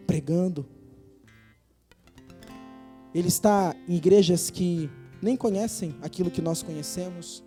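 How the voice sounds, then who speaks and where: A man with a Brazilian Portuguese accent preaching a sermon in a church, earnest and building to forceful emphasis. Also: a little high. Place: church hall.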